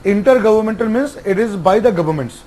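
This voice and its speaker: A man teaching an online exam-prep lecture, repeating key terms and spelling out acronyms slowly. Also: sits high, expressive, a little mellow, slight background noise, poor audio. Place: classroom with whiteboard.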